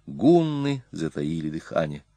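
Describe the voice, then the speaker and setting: A man reading an adventure story aloud in measured, expressive narration. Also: very deep voice, no echo. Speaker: audiobook reader. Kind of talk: scripted narration.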